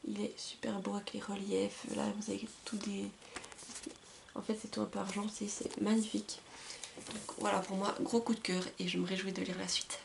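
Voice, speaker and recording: Chatty young woman with a gravelly voice. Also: medium pitch, level tone, moderate pace, noisy background. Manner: chatty and enthusiastic, with many hesitations. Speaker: book reviewer. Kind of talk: casual book review vlog. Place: indoor room with blinds closed. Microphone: camcorder.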